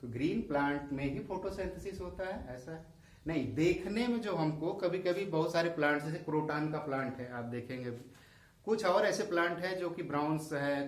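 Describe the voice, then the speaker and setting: A male school science teacher with a Hindi accent, explaining a lesson and asking questions that he answers himself. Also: on the high side. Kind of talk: classroom lesson explaining diagrams. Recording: echoey room, voice a bit far from the mic.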